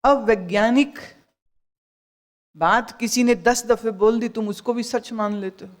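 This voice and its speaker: A woman's voice: on the high side, measured pace. A woman spiritual teacher giving a discourse, scolding with rhetorical questions and dropping in English phrases.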